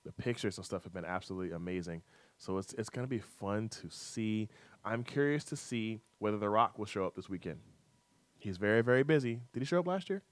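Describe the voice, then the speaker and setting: The host of this sports talk radio program has a lower voice and a brisk, chatty style, peppering the scores and game schedules he reads with "uh" fillers while keeping the teasing with his co-host light. His studio mic picks him up close, and the recording is dry.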